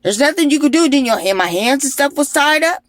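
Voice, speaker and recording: Woman, young adult, slightly high voice, dry close sound, earnest preacher-like testimony vlog. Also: animated, brisk, dry recording. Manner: emphatic, repetitive, preacher-like urgency. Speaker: vlogger sharing a personal testimony. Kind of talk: emotional spoken testimony with prayer.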